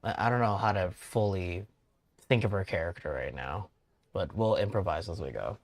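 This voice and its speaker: A man streaming a story game, giving excitable commentary with squealing outbursts. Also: sits low, normal speed.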